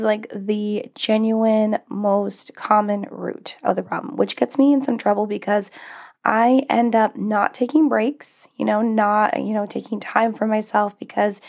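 Still getting her voice back, a young podcast host speaks in a medium-pitched, darkish tone that sounds somewhat strained and may crack. She's a life coach chatting casually on her solo show, encouraging and upbeat, with plenty of little laughs and fillers.

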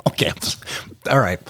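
A man co-hosting a podcast in casual chat, wry and joking. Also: background noise. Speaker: podcast co-host.

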